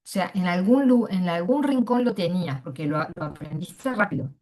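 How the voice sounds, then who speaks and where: Argentine woman, middle-aged, panel speaker: thoughtful, halting delivery with restarts. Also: on the low side, animated, warm tone. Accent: Argentine Spanish. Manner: hesitant, many fillers and restarts. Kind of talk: casual personal testimony.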